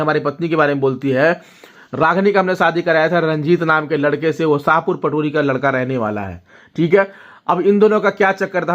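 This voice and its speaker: Man telling a family story, lo-fi sound. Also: fairly high pitch. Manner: storytelling, addresses viewers directly with frequent "ठीक है?". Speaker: vlogger. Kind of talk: casual talk to camera.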